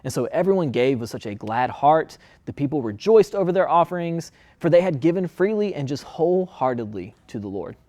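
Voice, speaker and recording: Man playing a casual chatty king, laid-back talk, slightly high voice. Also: very animated, a little fast, few pauses, darkish tone. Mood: earnest. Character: King Solomon, adult male king, friendly and casual. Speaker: guest on a talk show skit.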